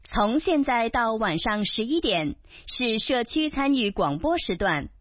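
A woman reading a formal radio station announcement, slowly. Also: fairly high pitch, big pitch swings, dry recording. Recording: dull lo-fi radio broadcast.

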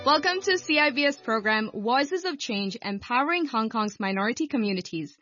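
A woman hosting a community radio interview show, speaking in a clear, measured way. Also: a little high, animated, over music. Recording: dull lo-fi radio broadcast.

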